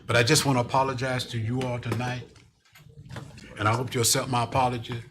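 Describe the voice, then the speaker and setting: Emotional mayor, repeats himself. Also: male voice, mid-range voice, flat delivery, quick pace, background noise. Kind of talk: city commission meeting chairing. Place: council chamber.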